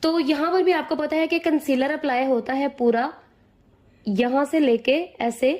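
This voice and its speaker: Hoarse high-voiced woman teaching makeup. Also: steady tone, normal speed, a little mellow, roomy sound. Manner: patient explaining, frequent check-ins. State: hoarse, straining her voice. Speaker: makeup tutor. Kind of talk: step-by-step makeup tutorial.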